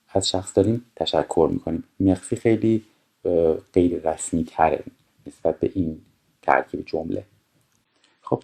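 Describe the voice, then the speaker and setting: A man with a very deep voice teaches a French lesson from a textbook. His first language is Persian. He reads each phrase slowly and deliberately, then explains it at a quick conversational pace. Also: creaky, mellow.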